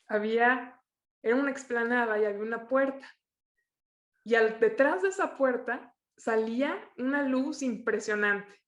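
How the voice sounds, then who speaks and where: A woman's voice: a little high, muffled recording. A young adult woman, sharing a personal testimony in earnest, searching storytelling that often restarts its sentences. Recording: echoey room.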